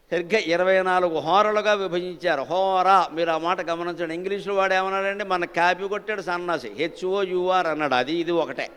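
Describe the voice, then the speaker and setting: High-voiced man preaching in a hall. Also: fairly bright tone, clear, resonant tone. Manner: emphatic, rhetorical questions, scornful asides. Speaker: spiritual discourse speaker. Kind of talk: Telugu religious discourse. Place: temple hall in front of a live audience.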